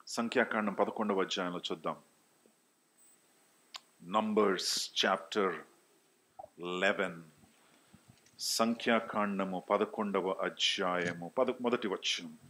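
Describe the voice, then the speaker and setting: A man preaching a sermon, often asking the congregation questions and mixing in English phrases. He swings from loud, high exclamations to low, quiet asides. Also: slow pace, pauses often. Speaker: pastor.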